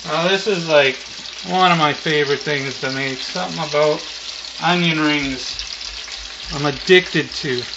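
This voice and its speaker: A man in his thirties chatting casually as host of a home cooking vlog, in a loose, rambling, laid-back stoner manner. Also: unhurried. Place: home kitchen, indoors. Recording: roomy, muffled camera audio with frying noise. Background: sizzling deep fryer.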